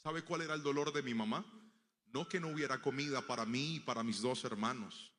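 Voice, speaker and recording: A man's voice: medium pitch, brisk, fairly bright tone, big-room sound, slight background noise. A man preaching a sermon, telling a personal story and acting out the dialogue in it before building to emphatic preaching.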